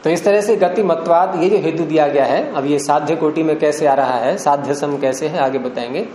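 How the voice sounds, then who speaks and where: A man's voice: fairly high pitch, normal speed, darkish tone. A man lecturing a class on classical Indian logic and grammar, explaining step by step and quizzing his students. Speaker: teacher of Nyaya philosophy. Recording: echoey room with faint hiss.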